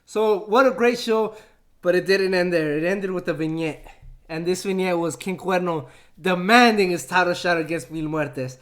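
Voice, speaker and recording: High-voiced man gushing over a show. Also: moderate pace. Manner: excited, chatty, retells scenes, laughs often. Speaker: wrestling show reviewer. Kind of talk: casual spoken review.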